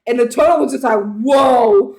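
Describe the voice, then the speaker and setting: A woman's voice: fairly high pitch, normal speed. A woman hosting a reaction video in casual chat, talking loosely with slang and frequent laughter. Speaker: reaction channel host.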